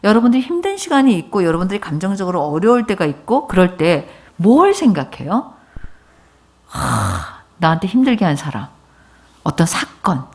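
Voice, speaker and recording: A woman pastor giving a sermon, telling a personal story in an informal, conversational way and speaking directly to her congregation. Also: on the low side. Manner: informal, conversational speech mixed with polite forms.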